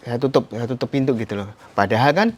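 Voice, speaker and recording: A man telling his story as an interview guest, animated, often breaking into sudden high exclamations and ending phrases with a polite "Mas". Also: fast. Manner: tags sentences with "Mas". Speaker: interview guest, stroke survivor.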